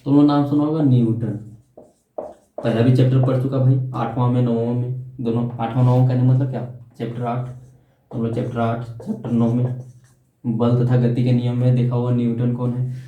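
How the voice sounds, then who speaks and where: Teacher lecturing in an echoey room. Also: male voice, mid-range voice, level tone, normal speed. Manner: asks questions and answers them himself; repeats key terms, adds tag questions. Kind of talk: classroom lecture at a board. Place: classroom with a board. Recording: echoey room, dull lo-fi sound.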